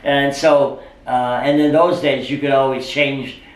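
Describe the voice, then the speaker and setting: Older male storyteller in an interview, animated and fond of voicing quotes, mic set well back in an echoey room. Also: medium pitch, measured pace. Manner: animated storyteller who acts out quoted speech, with frequent "uh" fillers. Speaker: psychic interviewee. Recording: roomy sound from a distant mic.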